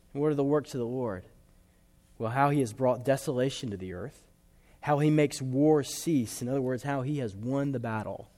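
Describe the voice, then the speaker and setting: A man preaching a sermon in a church, earnest, slowing down and dropping to soft low tones for emphasis. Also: long reverb tail. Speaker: pastor.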